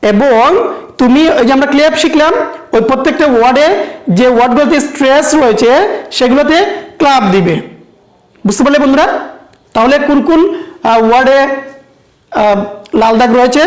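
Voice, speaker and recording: High-voiced woman teaching in an echoey room. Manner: slow, drawn-out chanting of rhyme lines, then quick explaining in Bengali. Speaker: English teacher. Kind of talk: classroom lesson, chanting rhymes slowly.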